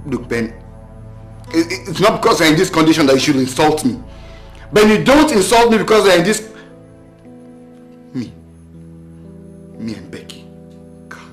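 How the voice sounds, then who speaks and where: An earnest, preachy male friend with a Nigerian accent. He stammers and repeats himself as his pitch rises and falls in wide swings. Soft film music plays faintly behind him. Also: sing-song, normal speed, pauses often. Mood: pleading. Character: caring male friend of a wounded policeman. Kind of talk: film drama acting.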